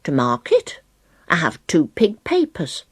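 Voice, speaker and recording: A woman doing a timid, low-voiced boy pig. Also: huge pitch swings, a little slow, husky, no echo, studio quality, heavily acted. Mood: anxious. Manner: low, hesitant, anxious. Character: shy, timid young male pig.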